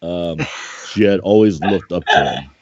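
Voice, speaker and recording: Here a man's low, slightly mellow voice takes its time as he reads fan fiction aloud like an amateur, fumbling the text and chiming in with comments. It sounds like a dull, roomy home microphone recording.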